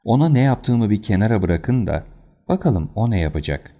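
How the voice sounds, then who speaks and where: A cool, unruffled detective, read by a man in a low, gravelly register. His tone stays dark and even for an audiobook scene. He never loses his composure. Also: moderate pace. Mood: calm. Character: calm, confident male detective. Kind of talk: audiobook character reading.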